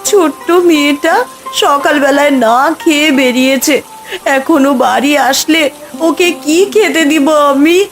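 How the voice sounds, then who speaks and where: A woman's voice: high voice, expressive, moderate pace, soft background music. A woman voicing an anxious wife of a poor fisherman. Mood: worried. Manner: worried, pleading.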